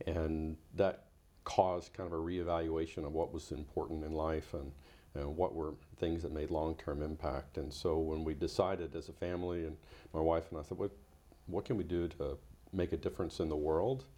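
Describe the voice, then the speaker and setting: Man, interview guest, low mellow voice, reflective, some fillers. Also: level tone, moderate pace. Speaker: guest, nonprofit chief executive. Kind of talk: personal storytelling interview.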